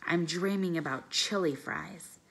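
A woman's voice: on the low side, unhurried, creaky, fairly bright tone, exaggerated voice, low-quality recording. Woman reading as a blunt little stray dog. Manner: blunt and offhand. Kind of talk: reading a children's novel aloud.

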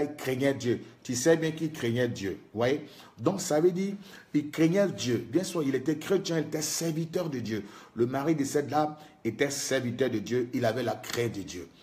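A man's voice: mid-range voice, a little mellow. A man with an Ivorian French accent preaching a sermon, reading a verse and repeating its phrases, often asking his listeners if they understand. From Ivory Coast. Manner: repeats verses, asks the congregation "vous comprenez?". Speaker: prophet preaching. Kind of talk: sermon teaching on a fast.

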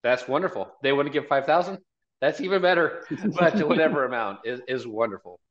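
Expressive and fairly quick, with a mid-range voice and crowd noise audible, a man in his fifties speaks earnestly as a guest on a casual video call, repeating phrases often. He's a college marketing director and event organizer in a small indoor office, heard through dull, lo-fi audio.

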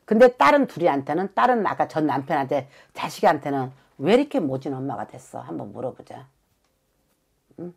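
A woman's voice: deep voice, very animated, a little fast, gravelly, husky. A woman from South Jeolla working as a fortune teller, giving a blunt, emphatic reading with some swearing and repeated "right?" checks. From Suncheon, South Jeolla, Korea. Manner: blunt and emphatic, swears, keeps pressing for agreement. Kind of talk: fortune-telling consultation.

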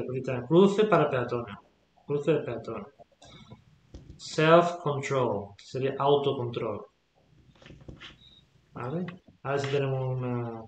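Patient teacher, slow and echoey. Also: male voice, mid-range voice, slight background noise. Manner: patient, repeats words and checks understanding. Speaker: English teacher. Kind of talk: explaining vocabulary in a lesson. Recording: echoey room.

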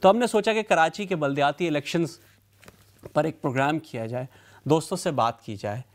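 A man, hosting a TV talk show and opening it with a measured, reflective studio monologue. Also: on the high side. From Karachi, Pakistan. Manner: measured, reflective storytelling with rhetorical lists. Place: TV studio with city backdrop, indoors.

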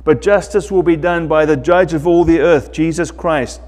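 A middle-aged man preaching a sermon as pastor from a lectern in a church sanctuary, slow and emphatic, rising loud and dropping soft. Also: fairly high pitch, fairly even intonation, in a large hall. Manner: slow, emphatic preaching with wide swings in loudness.

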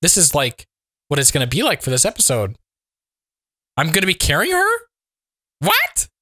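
A man hosting a casual gameplay commentary while sick, his voice still not fully recovered, reacting excitably with frequent exclamations. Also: fairly high pitch, normal speed, no room sound, clean studio sound. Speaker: let's play host.

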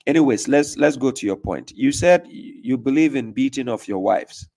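A man's voice: mid-range voice, lively intonation, moderate pace, a little mellow. Male stream host, pushy questioner, plain mid-range voice, home desk setup. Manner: pressing, questioning, repeats himself. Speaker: livestream host. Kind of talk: live call-in debate. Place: small room indoors.

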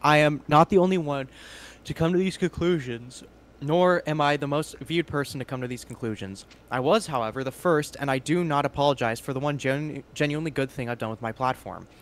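Crude, excitable young man streaming. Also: a little high, fairly quick. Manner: crude, excitable, cuts in with loud outbursts. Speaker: stream host. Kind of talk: casual stream commentary, reading a statement aloud.

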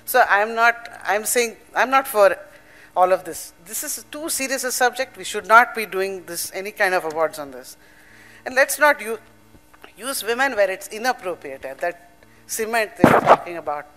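A woman's voice: medium pitch, expressive, normal speed, a bit bright. An older woman with an Indian English accent speaking earnestly at a public event, mixing emphatic points with personal stories. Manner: earnest, emphatic, storytelling with asides. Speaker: panel speaker.

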